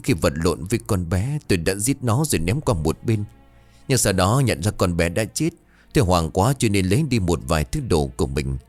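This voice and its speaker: A man's voice: low voice, a little mellow. A man voicing a guilt-ridden middle-aged father who stammers and pleads through sobs in a ghost story.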